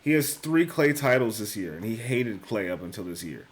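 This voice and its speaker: Another casual solo session has the young man working through sports betting picks, revising himself as he goes, swearing at times and saying bro and dude. His lowish voice swings widely in pitch at a moderate pace.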